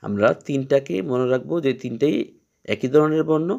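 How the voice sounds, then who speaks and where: A man teaching Quran reading, explaining each letter patiently and repeating its sound slowly three times. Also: medium pitch, vocal fry, a little mellow. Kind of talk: step-by-step letter lesson.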